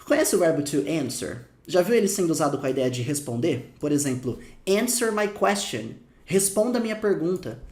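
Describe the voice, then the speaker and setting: Brazilian guy teaching english, lively, says the examples slow, roomy echo. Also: on the high side. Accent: Brazilian Portuguese. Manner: lively, repeats example phrases slowly. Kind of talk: casual teaching lesson. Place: room with dogs barking outside.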